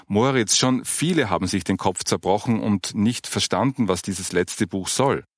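A man voicing a patient woman who explains matters of faith, in an earnest, gentle manner. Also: lowish voice, normal speed, no room sound, studio quality, lightly acted. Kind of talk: audiobook character reading.

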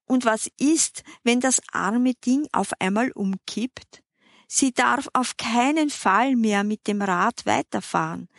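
A woman's voice: a little high, creaky, no room sound, studio quality. A woman voicing a frantic, fussy older woman cyclist who fires off worried questions. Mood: alarmed. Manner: anxious rapid questioning.

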